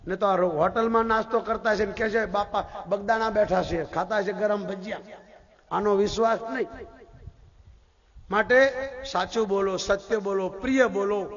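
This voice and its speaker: A man's voice: high voice, a bit bright. A man preaching a devotional sermon, acting out quoted prayers and dialogue with rising, pleading intensity. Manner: impassioned, acts out quoted figures with rising pleas. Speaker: preacher giving a scripture discourse. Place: temple gathering hall. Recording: dull lo-fi sound in a long echoing hall with faint music.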